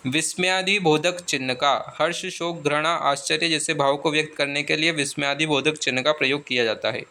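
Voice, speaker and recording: An exam tutor reads out grammar questions and their answers, going through the options slowly and deliberately. His voice is fairly high-pitched with a sharp tone.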